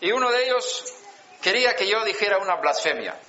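A man, preaching a personal testimony in slow storytelling with emphatic pauses. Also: high-pitched, lively intonation, sharp tone, slight background noise. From Sweden. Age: 60s. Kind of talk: sermon testimony. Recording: dull lo-fi conference recording.

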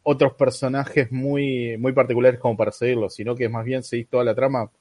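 A man's voice: medium pitch, little pitch movement, a little fast, warm tone, no room sound. A young man with a Rioplatense accent, chatting casually about a movie as podcast co-host, with many fillers and restarts, in a dry recording. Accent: Rioplatense Spanish. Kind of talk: casual film review chat.

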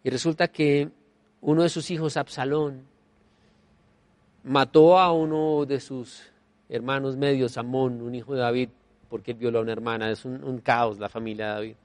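A man preaching a sermon, emphatic, swinging between soft and loud and repeating key phrases as refrains. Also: mid-range voice, fairly even intonation, normal speed, no echo. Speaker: pastor.

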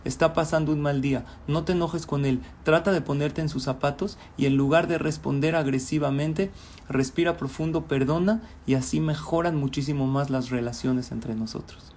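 Brief: male motivational speaker, high-ish voice, storytelling. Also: normal speed, a little hiss or hum. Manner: lively narration, calm closing advice.

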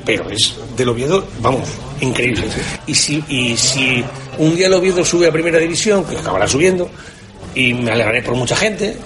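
Fast-talking Spanish man being interviewed. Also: mid-range voice, expressive, over music. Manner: emphatic, colloquial, rhetorical questions. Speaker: sports journalist being interviewed. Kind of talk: candid conversational interview.

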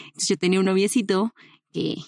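A woman's voice: medium pitch, fairly even intonation, fairly quick, vocal fry, darkish tone, no room sound, clean studio sound. Giggly young woman telling a story. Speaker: podcast co-host. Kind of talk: casual podcast chat.

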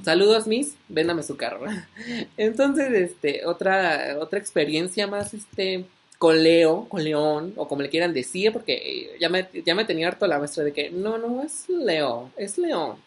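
A man's voice: on the high side, a bit bright. A young man with a Mexican accent casually telling a story as a vlogger, rambling with many fillers and asides.

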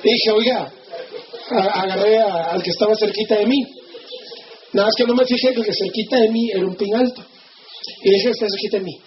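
A man's voice: high voice, normal speed, pauses often, highs cut off, crowd noise. A man with a Mexican Spanish accent giving a motivational business seminar, acting out the people he quotes and checking in with the audience. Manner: animated, acts out quoted people, asks the audience for agreement.

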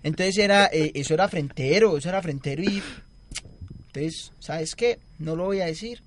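A man's voice: fairly high pitch, moderate pace. A young man telling a long, rambling story in casual chat and acting out the quotes. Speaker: guest storyteller.

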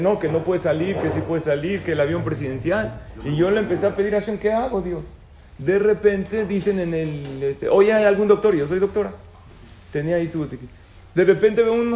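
A rabbi lecturer gives a religious talk to an audience, telling stories and asking them questions. His high voice is mellow, with a little hiss or hum in the recording, which was made in an echoey room with faint ambience.

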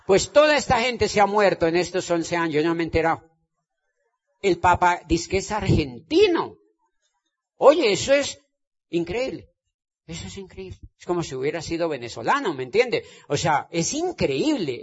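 Speaking at a moderate pace in a high, husky, very animated voice, a Colombian motivational speaker gives a forceful stage talk. He repeats phrases and makes sure the audience understands, all captured in dull lo-fi sound.

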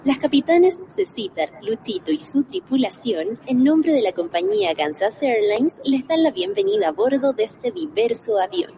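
A woman's voice: on the high side, sing-song, mellow, a little hiss or hum. Woman on an airplane intercom. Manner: formal, measured flight-attendant delivery. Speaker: radio show intro announcer. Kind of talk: mock airline cabin announcement. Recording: distant voice, faint ambience.

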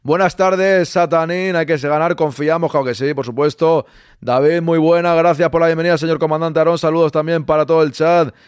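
A man with a Spanish accent hosting a live stream, greeting viewers by name with quick, animated asides. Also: a little high, clear, resonant tone, no room sound, clean studio sound. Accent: Spanish from Spain. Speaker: live-stream host reading chat. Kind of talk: casual live-stream chat.

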